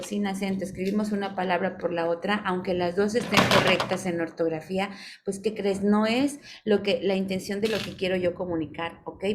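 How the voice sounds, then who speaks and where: Female teacher with a Mexican accent on a video call, patient, keeps checking in with the class, faint hiss behind. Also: medium pitch. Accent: Mexican Spanish. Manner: patient, checks in with "ok?" often, calls on students. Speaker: online course instructor. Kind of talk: live online class on spelling and punctuation.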